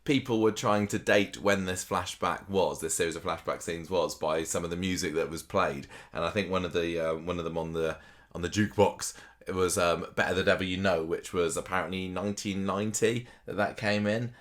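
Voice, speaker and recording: A man's voice: low voice, fairly even intonation, a little fast, fairly bright tone. A man co-hosting a podcast, chatting casually about a soap episode with frequent restarts and fillers. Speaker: podcast co-host. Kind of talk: casual chat.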